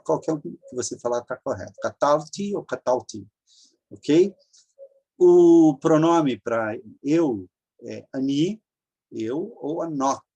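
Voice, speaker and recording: A man's voice: mid-range voice, vocal fry, dark tone, slightly rough. A man teaching an online grammar lesson, patiently explaining step by step, repeating forms and checking in with the listener.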